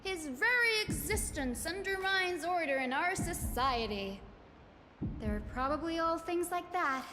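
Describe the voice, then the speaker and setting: A woman's voice: very high voice, expressive, measured pace, background noise. An actress voicing a cheerful young woman scholar in a game, telling stories and mimicking quoted critics. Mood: explaining. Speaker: game character. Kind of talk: game voice acting. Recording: game audio over music, long reverb.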